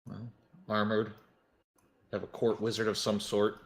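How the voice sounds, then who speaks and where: A man voicing a grave, low informant. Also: completely flat delivery, measured pace, gravelly. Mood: matter-of-fact. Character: grave male informant briefing adventurers on enemies.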